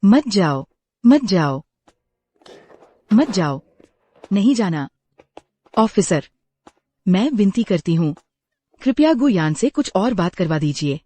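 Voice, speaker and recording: A woman's voice: medium pitch, big pitch swings, takes it slowly, long pauses, mellow. A woman voicing a remorseful imprisoned ex-wife in a dubbed drama, speaking in an emotional, pleading way.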